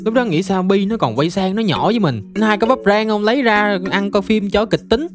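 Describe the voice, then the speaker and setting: Guy narrating a game drama, comic asides, music clearly behind. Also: high voice, brisk. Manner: chatty, comic, exaggerated asides. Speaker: narrator and main character.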